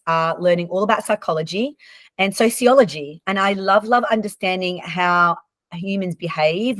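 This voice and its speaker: In a fairly low but bright voice, this podcast guest in her forties, born in Lebanon and raised speaking Arabic and French, shares casual stories openly, often restarting and filling pauses with ums. The recording is dry.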